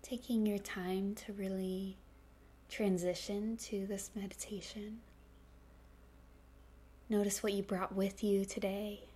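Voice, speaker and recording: A woman leading a guided meditation in a soft, breathy, calming near-whisper. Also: mid-range voice, takes it slowly, long pauses, a little hiss or hum. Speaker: meditation instructor.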